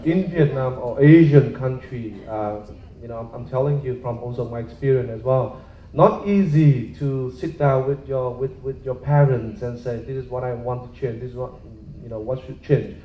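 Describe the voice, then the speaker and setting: A man's voice: medium pitch, reverberant. Male moderator, hesitant, dull lo-fi sound with faint background noise. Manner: hesitant, many fillers. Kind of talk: panel discussion.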